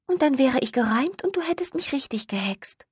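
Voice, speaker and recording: A woman voicing a small, shy, childlike skunk in a storybook reading, speaking high, soft and tender, sometimes in a whisper. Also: expressive, brisk, no echo, studio quality. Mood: soft, pleading.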